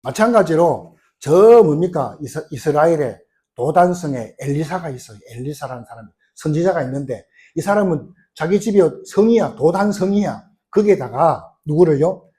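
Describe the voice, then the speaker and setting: A man's voice: on the high side, lively intonation, normal speed, mellow. A middle-aged man preaching a sermon as pastor, emphatic, often putting rhetorical questions to the congregation.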